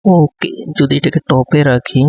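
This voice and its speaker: A man giving a design tutorial, speaking softly close to the microphone and thinking aloud with many fillers. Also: medium pitch, unhurried, no echo. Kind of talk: live screen-recorded tutorial.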